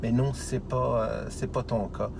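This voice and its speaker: A Québécois man hosts a casual chat in a mid-pitched voice. He talks directly to his audience and repeats himself for emphasis, with loud car noise all around. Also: fairly even intonation, a little slow, gravelly. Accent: Québécois French. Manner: chatty, addresses viewers directly, repeats for emphasis. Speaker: show host. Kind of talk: casual conversational interview. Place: inside a taxi. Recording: very noisy, inside a car.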